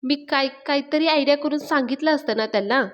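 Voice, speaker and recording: A woman's voice: sits high, brisk, lo-fi sound, pitched above the performer's own voice, lightly acted. Woman voicing a boastful hot-tempered young man. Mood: defensive. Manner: defensive, taunting.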